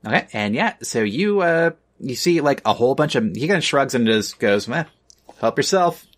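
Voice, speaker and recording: A man's voice: medium pitch, animated, a little fast. A man narrating as game master of a tabletop game, loose and full of fillers, laughing often.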